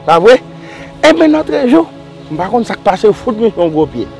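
Male actor for a boastful miracle-worker role, high and animated, insistent, soft music bed. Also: moderate pace. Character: boastful man claiming to work miracles for pay. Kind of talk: amateur drama acting.

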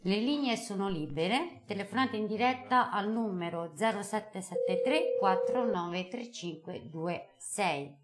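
On a lapel mic in a TV studio, a middle-aged woman hosts a live call-in tarot reading. Her mid-range voice has lively intonation and an unhurried pace with few pauses, and she sounds emphatic and affectionate, calling people by endearments.

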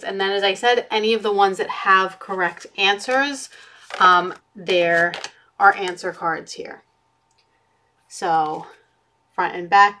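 A woman's voice: mid-range voice, fairly bright tone. Young woman, friendly show-and-tell host, webcam at home. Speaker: book consultant. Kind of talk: product review. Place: home playroom with bookshelves.

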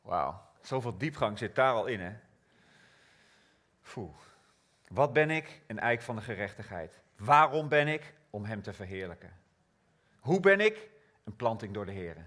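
A man preaching a sermon, slow and prayerful, rising to loud emphatic scripture reading. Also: fairly low pitch.

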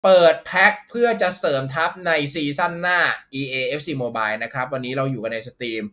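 Excitable man opening game packs. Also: mid-range voice, fairly quick. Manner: loud outbursts and swearing at pack reveals. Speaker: gaming streamer host. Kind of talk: excited pack-opening commentary.

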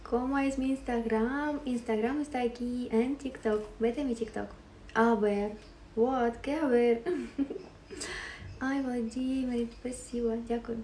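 A woman's voice: a little high, fairly even intonation, takes it slowly, mellow, echoey room, distant mic, slight background noise. A woman from Ukraine hosting a casual livestream, greeting and thanking viewers, giggling often as she switches between languages. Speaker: live-stream host.

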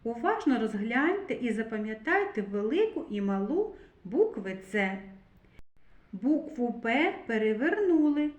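A woman teaching a recorded literacy lesson to preschoolers, speaking slowly and clearly and drawing out words syllable by syllable. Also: high-pitched, echoey room, muffled recording. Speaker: kindergarten teacher.

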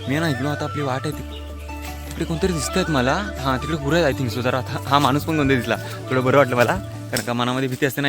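Young man, casual walking vlog, chatty, mixes in English words, handheld phone, faint background music. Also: medium pitch. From Konkan, India. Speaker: vlogger. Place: outdoors in forest and fields.

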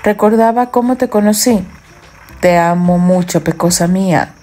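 A woman's voice: on the low side, normal speed, warm tone, close to an everyday voice. A woman voicing a playful, affectionate young husband who teases his wife in an audiobook romance. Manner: teasing, affectionate.

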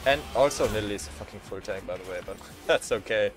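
A man streaming a game on a headset mic, reacting with excitable swearing and laughter. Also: lowish voice, quick pace. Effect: livestream headset mic audio. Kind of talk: live gameplay commentary. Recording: streamed voice with game music behind. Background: game music.

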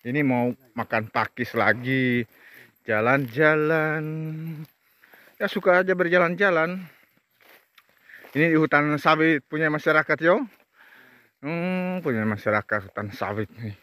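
A man vlogging outdoors in an oil palm plantation, chatting casually as he walks. He hums a lot and repeats words in a slow, drawn-out way. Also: a little high, sharp tone.

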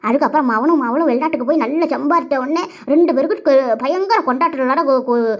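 Woman voicing a sarcastic gossiping village aunt. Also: high voice. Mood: gossipy. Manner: nagging, sarcastic, drawn-out complaints. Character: sharp-tongued gossiping middle-aged village aunt. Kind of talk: cartoon voice acting. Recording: dull lo-fi recording.

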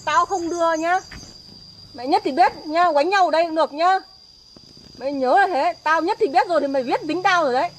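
Woman, angry scolding, very fast, high-pitched, outdoor night noise. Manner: shouting angrily, scolding. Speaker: wife confronting husband. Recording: faint outdoor noise with crickets.

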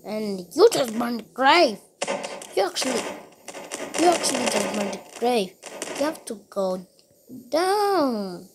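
A woman chatting casually over a game, rambling and repeating herself with halting restarts. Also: on the high side, noisy background.

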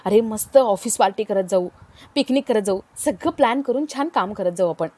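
A woman's voice: medium pitch, a little fast, warm tone, close to an everyday voice. A woman voicing a friendly young woman coworker who chatters eagerly. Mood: chatty.

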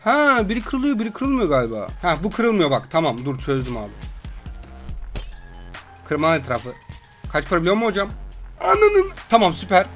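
A young man with a Turkish accent giving loud, swearing gameplay commentary with frequent outbursts. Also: sits high, wildly swooping pitch, moderate pace, long pauses, soft background music. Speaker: gaming video host.

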